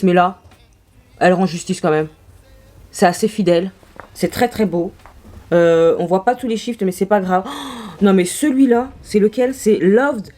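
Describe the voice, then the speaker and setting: A woman's voice: medium pitch, mellow. A young woman vlogging makeup swatches, gushing and exclaiming over each shade in casual chat. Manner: gushing, exclamatory, marvelling aloud. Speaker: beauty vlogger.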